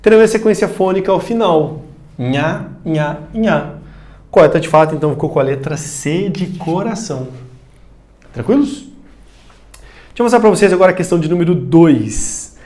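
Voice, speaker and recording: A Brazilian man teaches a recorded video lesson, addressing the viewer directly. His voice sits a little high and swings widely in pitch. He loudly calls out example words now and then. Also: expressive, a little fast. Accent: Brazilian Portuguese. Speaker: Portuguese teacher.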